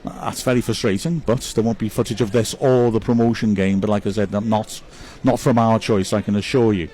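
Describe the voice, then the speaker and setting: A club commentator calls a match live, chatty and upbeat, praising the players one at a time and reading out viewer messages. His voice sits lowish with fairly even intonation, brisk and warm, over slight background noise.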